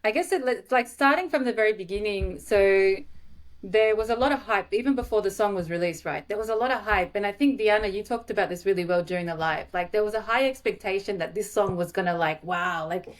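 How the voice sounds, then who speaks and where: A woman hosting a podcast in casual, enthusiastic chat with quick asides. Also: mid-range voice. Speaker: podcast host.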